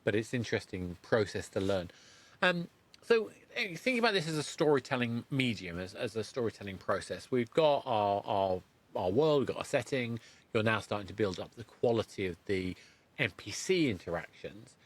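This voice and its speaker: This podcast host is a middle-aged man whose voice sits on the low side and swings widely in pitch. He interviews his guest in a halting, rambling manner, frequently stopping mid-thought to correct himself.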